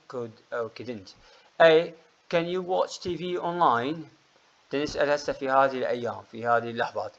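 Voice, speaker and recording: Man, English teacher, online class, patient explanations, mid-pitched voice, slightly dull lo-fi audio. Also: a bit bright. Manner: explains grammar rules patiently, calls on students by name.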